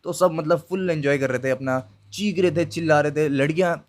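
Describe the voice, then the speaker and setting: With a fairly high voice and a brisk delivery, a young man shares a first-person ghost story on YouTube. He's casual and chatty, speaking directly to viewers and checking in with fillers as he goes.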